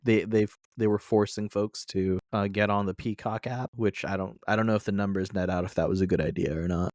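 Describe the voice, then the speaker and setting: A man co-hosting a casual film podcast, easygoing and quick to laugh, often repeating words. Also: lowish voice, steady tone, a little mellow, dry recording, studio quality. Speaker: podcast co-host.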